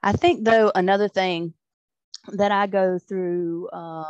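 A young adult woman co-hosting a podcast tells stories in casual chat, swearing freely and acting out what people said with animation. Her medium-pitched voice is slow, clear, and resonant, on a dry, muffled recording.

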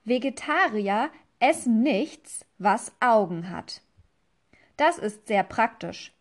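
A woman voicing a large, calm elephant who explains things in a matter-of-fact way, as in a read-aloud storybook. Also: fairly high pitch, slow pace, full character voice. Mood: explaining.

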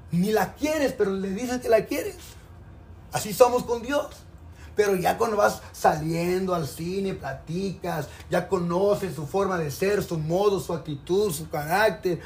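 Male preacher, high voice, street-plain exhortation straight at the listener, reverberant room. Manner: colloquial, exhorting, direct address to listeners. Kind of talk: sermon. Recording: echoey room, faint background noise.

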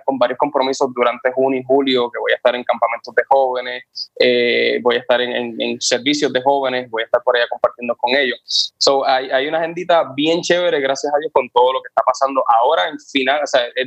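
A man's voice: gravelly, no room sound, muffled recording. Puerto Rican man telling a story. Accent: Puerto Rican Spanish. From Puerto Rico. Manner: animated, acts out dialogue with pitch jumps. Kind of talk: casual interview storytelling.

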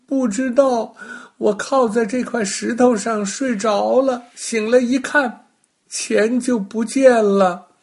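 Storybook part: a weepy small boy, as a man puts him on, high and shaky, with a gravelly edge. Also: fairly even intonation, slow, a little mellow, exaggerated voice. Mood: tearful. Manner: high, tearful, pleading. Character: crying poor little boy.

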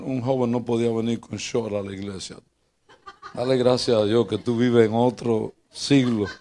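An older male pastor with a Puerto Rican accent preaches in a lively, joking way. His voice sits at an ordinary middle pitch, rising into loud bursts and dropping into low asides as he tells stories from his church. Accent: Puerto Rican Spanish. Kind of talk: humorous preaching with personal stories.

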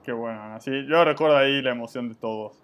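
A man's voice: medium pitch, fast, dull audio. Friendly, curious male interviewer. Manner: friendly and curious, recalls shared memories. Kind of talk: casual conversational interview.

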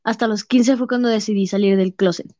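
A young woman with a Mexican accent telling a personal story in an interview, casual and halting, full of fillers. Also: mid-range voice, steady tone, mellow. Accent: Mexican Spanish. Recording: slightly muffled lo-fi sound.

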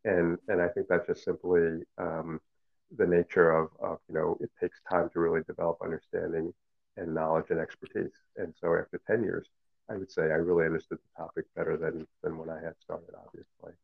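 Interviewed over phone-like, narrow audio, a middle-aged Cantonese-native professor answers in a measured, reflective manner with frequent fillers and restarts. His voice is low, with vocal fry and a flat delivery.

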